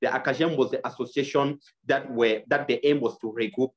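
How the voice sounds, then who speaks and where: A man's voice: mid-range voice, fairly even intonation, a little fast. Earnest young man from Cameroon. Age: young adult. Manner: earnest, many fillers and restarts. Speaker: guest. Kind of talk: interview over video call. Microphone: video call.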